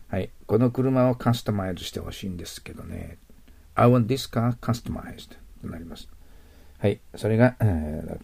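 A man with a low, gravelly voice that has a husky edge teaches English vocabulary. He explains each word patiently and repeats the examples slowly. His tone stays steady and instructive. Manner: adds ね as a tag. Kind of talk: recorded vocabulary lesson.

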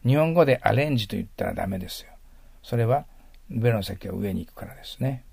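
Gravelly, husky male English teacher. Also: fairly low pitch, animated, fast, warm tone, no echo. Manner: patient, drills pronunciation with repeated tag questions. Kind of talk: vocabulary lesson lecture.

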